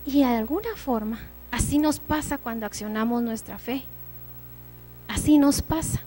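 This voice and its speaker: A woman's voice: on the high side, animated, normal speed, warm tone, soft background music. A woman giving a church sermon, preaching earnestly and conversationally with personal stories.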